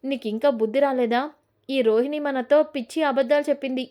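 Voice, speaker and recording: A woman voicing a quick-tempered middle-aged mother-in-law who scolds and shouts at the younger women of the house in a storytelling retelling. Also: high voice, steady tone, natural voice. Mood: angry scolding.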